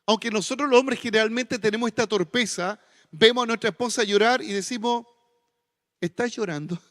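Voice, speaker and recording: A male pastor with a Chilean accent preaching a sermon into a stage microphone, folksy and humorous, then softly earnest. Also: very high voice, fairly even intonation, fairly quick. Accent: Chilean Spanish. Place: church sanctuary. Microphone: stage microphone with monitor. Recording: long church reverb.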